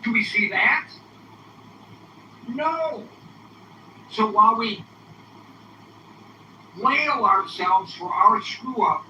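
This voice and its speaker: A man's voice: sits high, pushed and bright, highs cut off. A man hosting a political call-in show, speaking with impassioned, repetitive conviction. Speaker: podcast host. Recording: roomy, distant, faint hiss.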